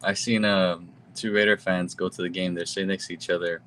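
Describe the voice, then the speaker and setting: A man talking casually as a guest on a fan livestream, relaxed and laid-back as he tells a short story. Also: deep voice, brisk, a little hiss or hum, low-quality recording. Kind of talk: casual chat.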